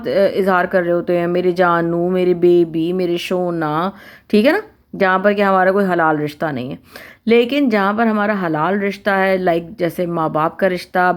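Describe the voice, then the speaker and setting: Woman giving a warm-toned family talk. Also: on the low side. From Pakistan. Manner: conversational, repeats and lists points, acts out quoted speech. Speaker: Islamic family-life speaker. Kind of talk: informal talk on family relationships.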